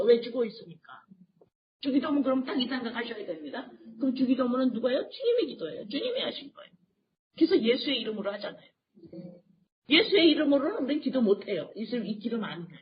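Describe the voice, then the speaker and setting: A woman pastor preaching a sermon in a fairly high voice. She keeps asking questions and answering them herself, and her volume jumps between hushed and loud. The recording is dull and lo-fi.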